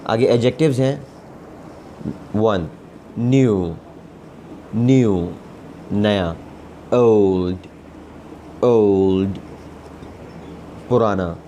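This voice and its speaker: A man's voice: lowish voice, drawn-out words, pauses often, dark tone, a little hiss or hum. A man teaching English vocabulary, repeating each word several times before giving its meaning. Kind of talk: vocabulary lesson with repetition drills.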